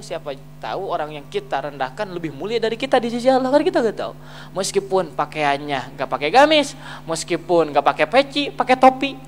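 A man teaching an Islamic study class in a lively, joking manner, swinging between loud emphasis and quiet asides and often asking if listeners understand. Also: high voice, slight background noise. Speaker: religious teacher. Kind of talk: casual Islamic study lecture. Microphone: streamed live.

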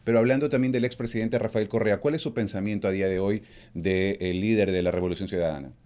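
A man in his thirties hosting a news interview from a small studio, asking measured, direct questions. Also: lowish voice, darkish tone.

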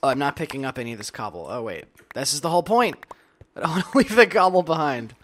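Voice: medium pitch, expressive, quick pace, fairly bright tone, slight background noise. A video game host giving casual, playful commentary while playing, chatting to themself with silly asides. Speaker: let's play host.

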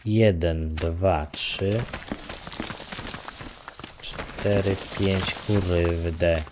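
In this casual let's-play, a male gaming YouTuber talks through his play extremely slowly in a low voice with fairly even intonation, muttering counts and grumbling with some light swearing. Background noise is present.

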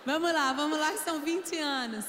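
A high-pitched woman hosts a stage interview at a church congress, briskly moving things along. Her voice carries a long reverb from a large hall. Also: fairly bright tone. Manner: brisk, keeps the talk moving.

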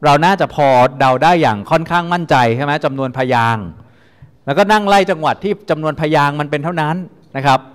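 A man's voice: fairly high pitch, expressive, quick pace. A man teaching a university class, talking casually and repeating instructions to coax students into group work. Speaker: university lecturer. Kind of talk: classroom lecture. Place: lecture hall. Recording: reverberant lecture hall.

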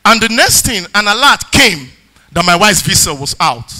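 High, bright-voiced man preaching. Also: very animated, normal speed. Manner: rising into shouted, sing-song emphasis. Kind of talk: sermon with testimony and scripture reading.

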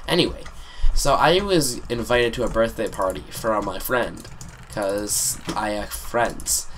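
A teenage boy telling a rambling, sarcastic storytime over his gameplay, with sudden excited yelps. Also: fairly low pitch, measured pace, a little hiss or hum. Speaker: gaming commentator. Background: keyboard clicks and typing.

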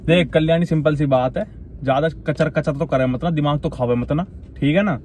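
A man's voice: on the high side, brisk, darkish tone, slight background noise. A man arguing bluntly and mockingly with a friend in a car, in a comedy sketch. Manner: blunt, mocking, repeats himself. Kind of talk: scripted comedy sketch argument. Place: inside a parked car.

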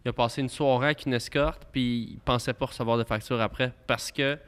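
A man's voice: medium pitch, steady tone, fairly quick, a bit bright, clean tone. Man, Quebec French accent, podcast co-host, teasing banter, long reverb. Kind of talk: casual chat.

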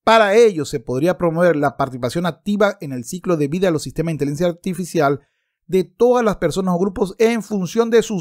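Close to a desktop microphone placed in front of him, a man in his thirties makes an emphatic, opinionated video-style commentary, sometimes reading passages aloud. His voice is a little high and darkish, and he records indoors in a book-lined room at home.

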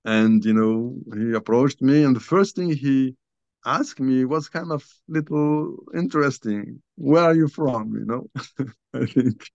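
Recounting a personal story from a small home room over a video call, the older Algerian author speaks in a mid-range, slightly mellow voice with vocal fry. The dull lo-fi recording has no echo. His telling is halting and casual, with many restarts and plenty of "you know"s.

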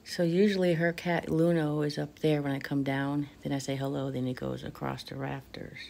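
A middle-aged paranormal vlogger with a low, warm voice edged with vocal fry talks at normal speed in a flat delivery. She's nervous and swears casually as she vlogs a ghost hunt in a large old cellar. The camera starts on a tripod and ends up handheld, and she sounds far off in the echoey basement.

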